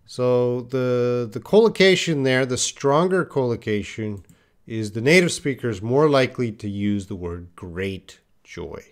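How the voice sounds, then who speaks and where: Here's an unhurried, expressive male voice of medium pitch. He's an English teacher running a live online class, patiently going through viewers' answers aloud and fixing them with repeated sample phrases.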